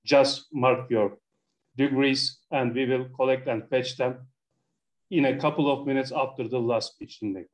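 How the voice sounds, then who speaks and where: A man's voice: medium pitch, steady tone, unhurried, rough recording. A man giving procedural instructions to a jury as an event organiser.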